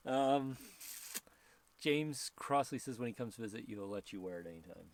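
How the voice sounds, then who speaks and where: A man's voice: medium pitch, lively intonation, normal speed. A man hosting a casual live stream, rambling, laughing often and reading viewer questions aloud.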